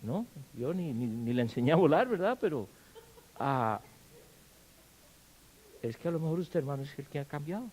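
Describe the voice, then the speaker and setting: A man preaching a sermon in a church, firing questions at the congregation and acting out quarrels in loud bursts. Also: on the high side, animated, normal speed, pauses often, rough recording. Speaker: pastor. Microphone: handheld or stand mic.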